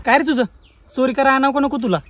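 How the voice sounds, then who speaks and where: A woman's voice: high-pitched, fairly even intonation, fast, a bit bright, slight background noise. A woman playing a bossy village thief. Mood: scolding. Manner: bossy, scolding banter. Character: bumbling young male village thief. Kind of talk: rural comedy skit.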